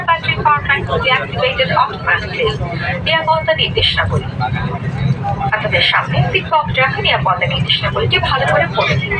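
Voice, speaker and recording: Flight safety demo read: formal cabin announcer, very high voice, distant pickup under heavy aircraft noise. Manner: formal, instructional delivery. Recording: noisy, distant cabin speaker with engine rumble. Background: loud vehicle and cabin noise.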